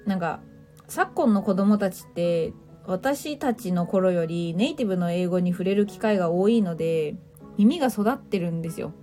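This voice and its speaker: A woman's voice: on the low side, animated, moderate pace, warm tone, faint music behind. A woman hosting a casual livestream, chatting playfully, teasing listeners as she reads their comments and mixing in English phrases. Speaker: livestream host.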